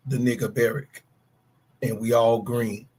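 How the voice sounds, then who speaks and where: Poor audio captures a man in his fifties co-hosting a sports talk show, his mid-range, darkish voice breathy at the edges and barely moving in pitch. He talks unhurriedly yet rants heatedly, cursing and emphatically singling out players by name.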